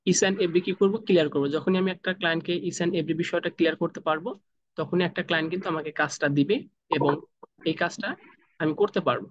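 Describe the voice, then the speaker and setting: A man with a Bangladeshi accent teaching a spoken English class over a video call, drilling pronunciation slowly, sound by sound. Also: fairly high pitch, dull audio.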